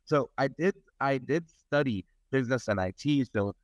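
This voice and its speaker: Here a middle-aged man from Germany, a technology advisor, speaks as a guest in a conversational interview at a moderate pace in a mid-range voice. He is earnest and expansive and often repeats words as he builds sentences. The audio is dull and lo-fi, with no room sound.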